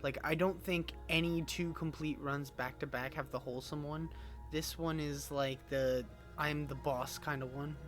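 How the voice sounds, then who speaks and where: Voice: medium pitch, steady tone, moderate pace. A gaming host giving casual, joking commentary while playing through a story game. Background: game music.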